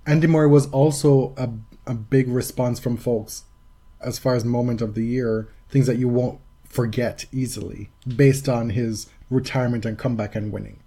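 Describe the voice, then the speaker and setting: A man's voice: medium pitch, fairly even intonation, moderate pace, mellow. A man co-hosting a tennis podcast in casual chat, wry and teasing, stretching words for emphasis. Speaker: podcast co-host.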